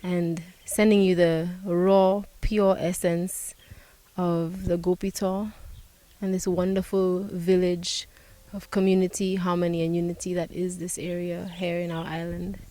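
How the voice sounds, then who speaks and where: A woman giving a slow, declaiming, rousing inspirational speech. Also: fairly low pitch, flat delivery, warm tone, dry recording.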